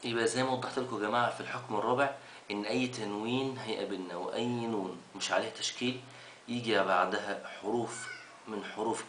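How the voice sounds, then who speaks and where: A man with an Egyptian Arabic accent teaching Quran recitation rules. He asks questions, answers them himself, and recites verses slowly. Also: fairly low pitch, slight background noise. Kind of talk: recitation lesson.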